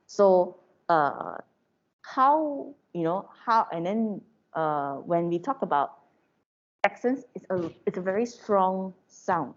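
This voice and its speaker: A Malaysian woman with a lowish, darkish voice and a Malaysian English accent gives her students an informal lecture. She keeps it chatty, full of fillers and tag questions, and the recording is dull and lo-fi.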